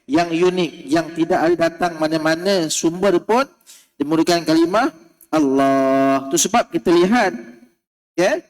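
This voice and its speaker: A man with a Malaysian Malay accent lectures on religion in a high voice. He explains patiently, repeats key words and checks in with his listeners. The sound carries a long reverb from a large hall. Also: normal speed. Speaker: religious teacher. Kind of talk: mosque lecture.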